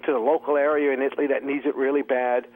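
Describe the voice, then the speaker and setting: A man's voice: medium pitch, flat delivery, fast. A man hosting a talk radio show, riffing sarcastically in a comic monologue and laughing at his own jokes. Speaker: radio host. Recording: tinny phone-like radio audio.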